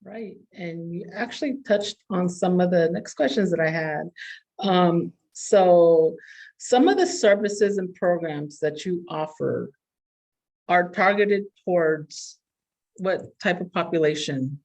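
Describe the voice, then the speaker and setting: A woman interviewer who asks unhurried questions and offers brief acknowledgements. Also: fairly low pitch, a little mellow.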